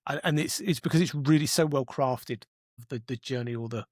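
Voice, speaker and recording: A man's voice: mid-range voice, fairly quick, a little mellow, no echo, studio quality. A man co-hosting a podcast in casual chat, enthusiastic and often repeating words as he goes. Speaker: podcast co-host.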